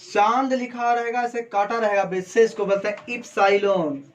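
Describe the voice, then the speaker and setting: Coaching teacher at a board, mid-range voice, quizzes the class and supplies the answers, steady lecture pace. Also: mid-range voice, slight background noise. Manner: asks the class questions, then answers them, slow and deliberate. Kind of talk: classroom lecture, explaining physics prefixes and Greek symbols.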